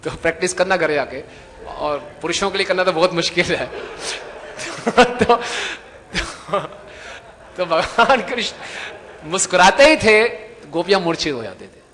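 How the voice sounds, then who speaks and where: A man giving a devotional sermon, telling a story with animated acted-out voices and jokes for his listeners. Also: high voice, unhurried, in a large hall. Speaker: preacher.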